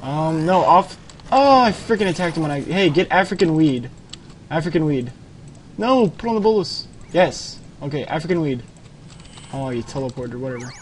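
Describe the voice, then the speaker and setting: Young man barking quick game orders. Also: on the high side, a little hiss or hum. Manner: bossy, repeats short commands. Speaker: clan leader giving orders. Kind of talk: live game commentary.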